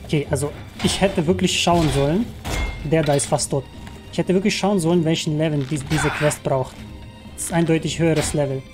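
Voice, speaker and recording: A man commenting live on his video game, chatty and excitable, often exclaiming. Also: a little high, fairly quick. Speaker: let's play gamer. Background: game music.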